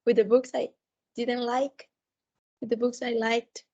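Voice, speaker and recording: A woman co-hosting a podcast in casual, halting conversation. Her voice sits on the high side and sounds thick from a sore, swollen throat. The recording is a little dull and lo-fi. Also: level tone, warm tone. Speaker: podcast co-host. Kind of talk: casual chat.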